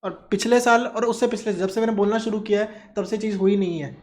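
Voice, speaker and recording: A man's voice: sits high, fairly even intonation, brisk. A man teaching accounts in a classroom lecture. He mixes Hindi with English terms and asks questions that he answers himself. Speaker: commerce teacher.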